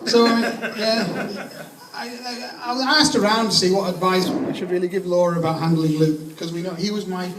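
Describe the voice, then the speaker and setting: A man giving a jokey, informal best man's wedding toast, speaking haltingly with many false starts. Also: high voice, steady tone. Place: echoey room at a wedding gathering. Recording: distant mic in echoey room, audience noise. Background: crowd of guests reacting and laughing.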